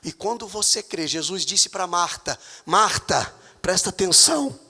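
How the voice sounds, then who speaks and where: A man with a Brazilian Portuguese accent preaching a sermon as pastor in a church, with emphatic, sudden loud high outbursts. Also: animated, measured pace, vocal fry, husky, big-room sound. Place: church hall.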